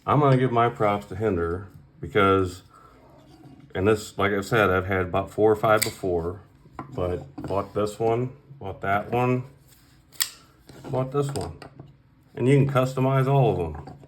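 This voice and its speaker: Man, low-pitched, casual vlog rant, blunt, profane, heated, repetitive, audible background noise. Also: measured pace, long pauses. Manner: blunt, profane, repeats himself; heated, emphatic. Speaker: knife collector vlogger.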